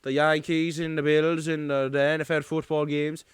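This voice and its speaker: A man's voice: a little high, flat delivery, normal speed, smooth, no room sound, clean studio sound, close to an everyday voice. A man putting on an Irish accent to tell a rambling pub story, full of fillers. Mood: joking. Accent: put-on Irish. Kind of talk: comic bit on a podcast.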